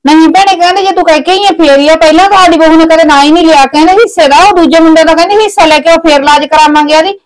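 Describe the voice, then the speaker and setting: A woman's voice: very high-pitched, very fast, hardly any pauses, poor audio. An actress playing an aging mother neglected by her son and daughter-in-law, talking in a complaining, reproachful way in a village drama. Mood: accusing. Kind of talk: village web drama acting.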